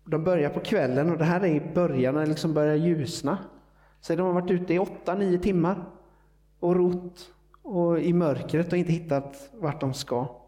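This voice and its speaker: A man's voice: on the high side, warm tone. A man preaching a sermon in a conversational, explanatory way, with fillers and small asides.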